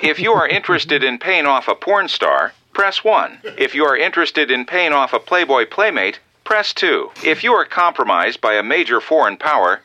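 A man voicing a mock automated phone menu, reading a recorded message in a polished, measured announcer delivery. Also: a little high, sing-song, a little hiss or hum, heavily acted. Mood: deadpan polite. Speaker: voice actor in a parody clip. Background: loud upbeat music.

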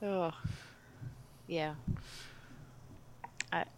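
A woman co-hosting a podcast, relaxed and chatty about the games she plays. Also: fairly low pitch, slight background noise. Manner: relaxed and chatty, quick to agree. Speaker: podcast co-host. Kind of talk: casual podcast chat.

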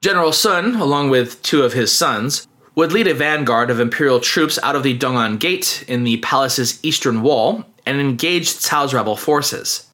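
A man's voice: medium pitch, moderate pace, sharp tone. A man narrating a scripted history podcast, with wry, humorous asides.

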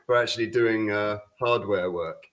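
A man's voice: fairly low pitch, moderate pace, a bit bright. A man in his forties from the UK, a guest speaking in a hesitant, rambling way from a large empty factory room with a big hall echo. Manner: rambling, hesitant, many fillers. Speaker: guest, synthesizer designer. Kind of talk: casual interview chat. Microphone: computer camera mic against the wall.

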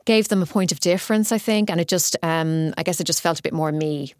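A woman's voice: fairly low pitch, a little fast, dry recording, clean studio sound. A woman, hosting a fashion podcast in casual, enthusiastic chat. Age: 40s. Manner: enthusiastic, effusive reactions. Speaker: podcast host.

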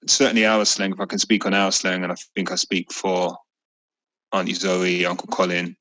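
Middle-aged man, low-pitched, laid-back raconteur for casual chat. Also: normal speed, rough recording. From East London. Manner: relaxed storytelling, jokey asides.

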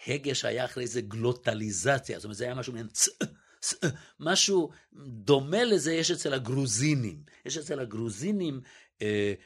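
Male expert guest, average pitch, methodical and a little hesitant, demonstrates pronunciations aloud. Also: husky. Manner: hesitant, self-correcting. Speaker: guest linguist. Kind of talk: explanatory interview talk.

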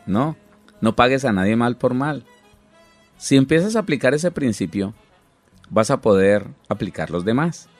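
A man's voice: medium pitch, animated, unhurried, long pauses, soft background music. A middle-aged man, a pastor, earnestly explaining Bible teaching in conversation with many restarts.

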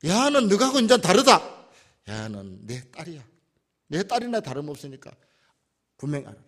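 A man voicing a middle-aged male army general who speaks in Gyeongsang dialect and exclaims loudly inside a sermon. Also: mid-range voice, big pitch swings, normal speed. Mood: commanding. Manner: loud, exclaiming, commanding. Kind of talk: dramatized quotes in a sermon.

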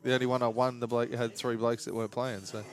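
An Australian man in a relaxed sports podcast conversation. His pitch moves very little as he works through his analysis, giving a flat, even delivery at an ordinary male pitch. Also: quick pace. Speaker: fantasy rugby league podcast co-host. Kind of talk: casual sports chat and analysis.

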